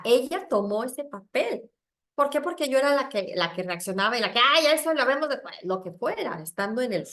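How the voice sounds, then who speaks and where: A middle-aged woman, a guest candidly telling personal stories in conversation and acting out her own past words. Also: mid-range voice. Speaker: guest speaker.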